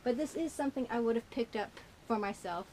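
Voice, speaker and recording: A woman with a slightly high voice rambles to camera about things she bought, giggling as she goes and piling on "like" and "you know." Her tongue is a bit burnt, which blurs a few words. A faint hiss sits under the recording. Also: brisk, warm tone. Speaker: vlogger showing a shopping haul. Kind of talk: casual rambling chat to camera.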